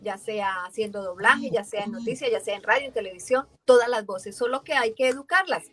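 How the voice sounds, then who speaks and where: A voice actress from Valle del Cauca in Colombia with a Colombian accent, chatting in an interview and telling her story in a lively way, acting out the voices she quotes. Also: a little high, brisk. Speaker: voice actress guest. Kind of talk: casual interview chat.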